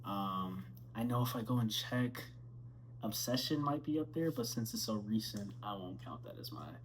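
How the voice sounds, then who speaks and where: A man's voice: fairly low pitch, expressive, moderate pace, slight background noise, rough recording. A twenty-two-year-old man, a film student, talking casually from his bedroom, rambling with fillers and self-corrections. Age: 20s.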